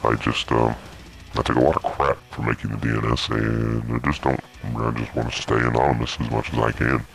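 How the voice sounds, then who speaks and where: A man's voice: extremely low pitch, little pitch movement, brisk, creaky. A man talking through a voice changer as an interview guest, hesitant, with many restarts and fillers. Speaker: interview guest, modpack creator. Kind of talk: casual interview.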